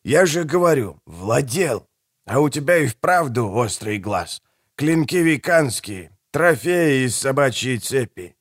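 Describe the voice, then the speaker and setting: A man voicing a toothless old male street trader who is wheedling and theatrical, with a husky voice and fawning, conspiratorial patter. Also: mid-range voice, big pitch swings, unhurried, dry recording, studio quality. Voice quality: gravelly, husky. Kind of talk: audiobook character voice.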